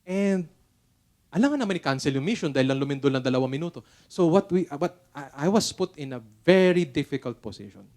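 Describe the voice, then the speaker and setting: This middle-aged man's voice is on the high side, expressive, fairly quick and a little mellow, with a Filipino accent. As a pastor at a church service, he preaches through earnest, conversational storytelling, switching between English and Tagalog.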